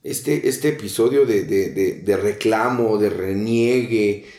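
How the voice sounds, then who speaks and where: A man interviewing a guest, calm and reflective. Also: on the low side, slow. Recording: echoey room, a little off-mic.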